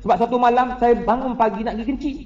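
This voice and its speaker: A man's voice: very high voice, quick pace. A middle-aged man with a Malaysian Malay accent, a religious teacher on a forum panel, telling personal stories with humor and often addressing the audience directly. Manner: lively storyteller who keeps addressing the audience as "tuan-tuan"; humorous, laughing between points. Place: prayer hall. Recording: echoey, dull prayer-hall recording.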